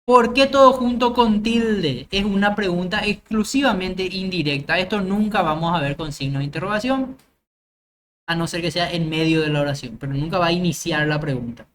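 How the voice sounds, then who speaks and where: A woman's voice: lowish voice, moderate pace. A woman teacher, walking through grammar rules one by one with examples. She keeps stopping to ask whether the class follows. Faint noise sits under her voice. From Paraguay. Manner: explains step by step with examples, checks understanding. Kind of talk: grammar lecture.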